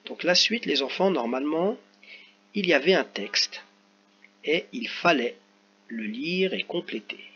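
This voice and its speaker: A man's voice: on the high side, lively intonation, a little slow, long pauses, sharp tone, breathy edge. A man working as a teacher, patiently correcting a worksheet for children step by step and speaking to them directly. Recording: slightly dull home recording with faint ambience.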